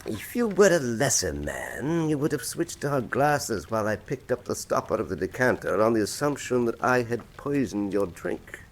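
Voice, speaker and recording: An actor playing Professor Moriarty, an older English criminal mastermind, in a radio drama, with courtly, condescending, faintly menacing formality. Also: male voice, mid-range voice, sing-song, normal speed, few pauses. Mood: silky menace. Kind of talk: full-cast radio drama acting.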